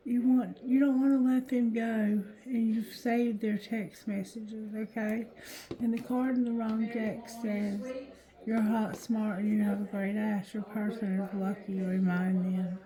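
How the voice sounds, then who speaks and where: A tired, drowsy woman doing a casual card reading, with thick-tongued, slightly slurred speech and a halting, repetitive delivery. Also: a little high, dark tone, poor audio. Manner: slow, halting, repeats phrases. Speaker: tarot reader.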